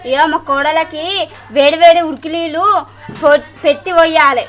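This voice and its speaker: Woman grumbling in a village skit, high voice, faint music. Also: fairly even intonation, normal speed. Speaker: mother-in-law in a comedy skit. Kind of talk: rural comedy skit acting.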